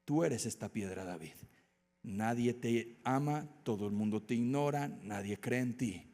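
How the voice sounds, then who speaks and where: God speaking tenderly, as a preacher puts him on, in a hushed, low and intimate voice. The quiet words hang in the long echo of a large hall. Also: male voice, measured pace, natural voice. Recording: echoey hall.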